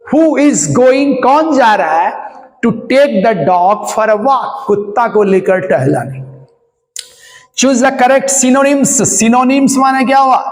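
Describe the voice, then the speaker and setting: A man with a Hindi accent teaching English for an exam, repeating each phrase and translating it into Hindi, with drawn-out exclamations. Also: very high voice. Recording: echoey hall with long reverb.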